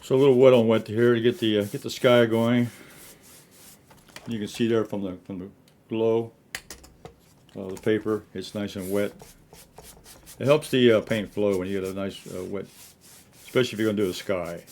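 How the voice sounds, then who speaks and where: A man giving a casual watercolor painting tutorial in his studio, speaking haltingly and often repeating himself. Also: fairly low pitch, steady tone, a little mellow.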